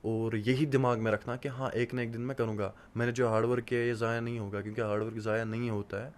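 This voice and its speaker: A man's voice: medium pitch, little pitch movement, fast talker. A man in his twenties from Kashmir, a podcast guest, talking about hard work in an earnest, motivational way with many hesitant fillers. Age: 20s. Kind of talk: casual interview talk.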